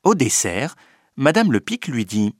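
A man reading a children's story aloud in an expressive, unhurried way. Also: medium pitch, dry recording, clean studio sound. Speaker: narrator.

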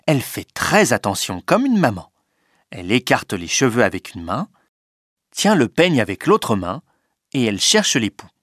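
A man narrating a storybook reading in a lively, expressive way. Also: lowish voice, normal speed, no room sound, studio quality.

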